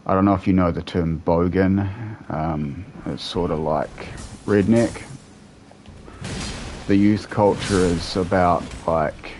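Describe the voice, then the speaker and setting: Playing a game at home, a young New Zealand streamer chats in a low-pitched voice at a slow pace, rambling casually as he responds to live viewers between play. Background noise can be heard.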